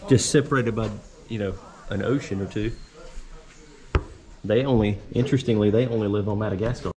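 A man's voice: fairly low pitch, fairly even intonation, brisk, background noise. A man in his forties, a travel vlogger at an outdoor wildlife park, chatting on a handheld camera and coaxing the animals. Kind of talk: casual vlog narration.

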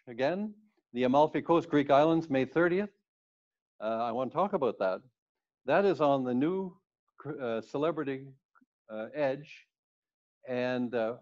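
An older man talks his way through a slide presentation, casual and a little rambling, often restarting his sentences. His voice sits at a middling pitch for a man. The sound is dull and lo-fi. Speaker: cruise ship speaker. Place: indoors in front of a plain wall.

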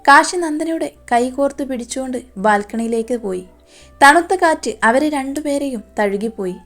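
A woman narrating a scripted romance story in a calm, even reading voice. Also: sits high, normal speed. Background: faint music.

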